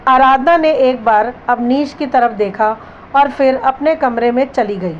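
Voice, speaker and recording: A woman's voice: sits high, measured pace, lo-fi sound, a little hiss or hum. A woman narrating a dramatic story and voicing its characters' dialogue in her own voice.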